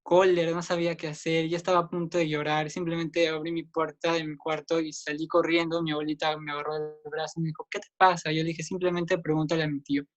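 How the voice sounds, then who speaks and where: A man's voice: level tone, fast talker, few pauses, dull audio. Earnest young Peruvian man recounting. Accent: Peruvian Spanish. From Peru. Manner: earnest, acts out others' lines with raised pitch. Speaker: interviewee. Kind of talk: personal storytelling in an interview.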